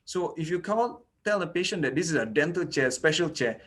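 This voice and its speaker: In an indoor recording of an online lecture, a man whose first language is Malay talks about child dental care in a fairly high voice with lively intonation and a brisk pace. He walks through each step, peppering his speech with "okay" and "you know."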